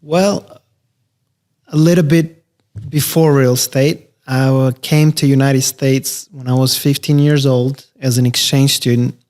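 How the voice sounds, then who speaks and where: A man, a real estate investor talking casually as a podcast guest, relaxed and rambling with many fillers. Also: medium pitch, unhurried. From Albania. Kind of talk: casual interview conversation.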